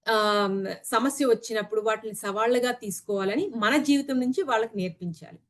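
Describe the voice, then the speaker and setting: A woman teaching from a spiritual book, asking her listeners rhetorical questions and making her points with earnest emphasis. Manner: earnest and emphatic, with sudden rises in pitch; mixes English words into her talk.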